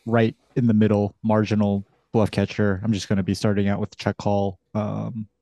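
A man's voice: on the low side, completely flat delivery, normal speed, mellow, no room sound, dull audio. A man co-hosting a podcast, talking casually and analytically about strategy. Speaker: podcast co-host, poker coach.

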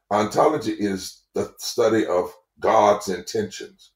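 Man, preacher-theologian, low voice, emphatic sermon delivery, echoey room. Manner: emphatic, preacherly, repeating phrases. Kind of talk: sermon-like talk.

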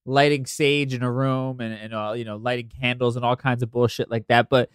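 A podcast host congested from allergies talks casually in a nasal, stuffed-up voice, swearing and drifting into conversational asides. His voice is medium-pitched and fairly flat, his delivery brisk, and the tone clear and resonant. The studio sound is clean, with no echo.

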